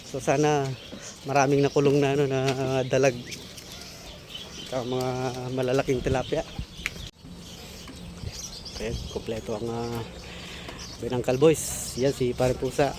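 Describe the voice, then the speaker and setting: A man's voice: mid-range voice, flat delivery, unhurried, long pauses. A man from the Philippines hosting an outdoor fishing vlog, casually greeting viewers as idols while introducing his crew. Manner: greets viewers as idol, shouts and cheers at big catches. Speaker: fishing vlogger host. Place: outdoors by a flooded field. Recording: outdoor noise behind, rural ambience.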